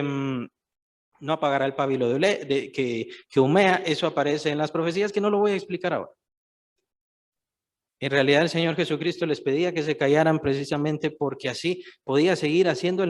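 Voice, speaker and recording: Emphatic man preaching a sermon. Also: fairly high pitch. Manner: emphatic, repeats phrases for stress; asks the listeners questions.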